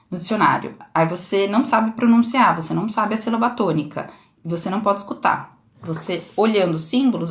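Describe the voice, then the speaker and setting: A woman from Brazil giving a casual live lesson on English pronunciation, explaining in a chatty way with frequent question tags, recorded on a phone indoors. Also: lowish voice. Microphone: phone camera on a live stream.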